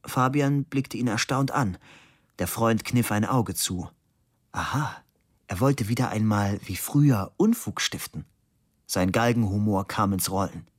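A man narrating an audiobook in a lively, expressive reading voice. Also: on the low side, measured pace.

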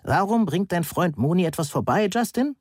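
A man reading an audiobook, voicing a loud, violent grandmother who scolds in a shrill voice. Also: wildly swooping pitch, brisk, no room sound, clean studio sound. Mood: indignant. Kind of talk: audiobook character voice.

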